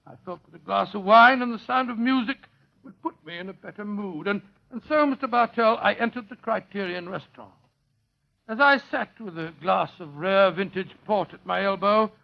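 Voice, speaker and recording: An actor playing Doctor Watson as a genial older English gentleman, courteous and avuncular, in 1940s radio drama storytelling style. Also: sits high, creaky. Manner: avuncular, courteous, old-fashioned phrasing. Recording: muffled vintage radio recording.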